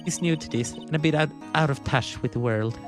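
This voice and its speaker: A woman voicing an excitable young female assistant who talks eagerly and stammers, with music behind. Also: low-pitched, a little fast, close to an everyday voice. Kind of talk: fan dub of a video game.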